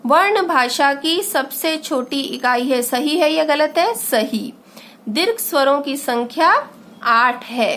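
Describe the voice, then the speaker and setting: A woman's voice: sits high, expressive, slow, a bit bright, a little hiss or hum. A woman teaching a children's grammar lesson, asking questions and answering them herself. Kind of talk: grade-three Hindi grammar lesson.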